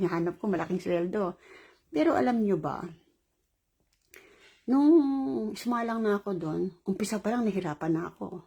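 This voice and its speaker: A woman's voice: medium pitch, breathy edge. A middle-aged woman caregiver, tired after a long shift, telling a rambling story in a casual vlog. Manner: rambling, animated retelling with laughs.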